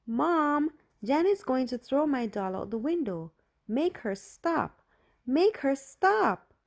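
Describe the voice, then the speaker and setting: A woman's voice: big pitch swings, unhurried, a little mellow. A woman voicing a young girl who whines and shrieks when upset. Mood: shrieking upset. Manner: high whining and shrieking. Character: young girl Julie, whiny and tearful.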